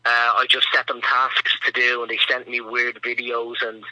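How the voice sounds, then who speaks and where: Bright-voiced man telling comic anecdotes. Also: medium pitch, monotone, moderate pace, no echo, low-quality recording. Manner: rambling anecdotes, chuckling through punchlines. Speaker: comedian guest. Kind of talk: casual radio interview storytelling.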